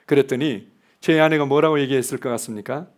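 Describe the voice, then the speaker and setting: A man's voice: mid-range voice, fast. A middle-aged man preaching a sermon in a conversational way, acting out what spouses say to each other. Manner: conversational preaching, acts out spouses' lines in quotes. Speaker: pastor.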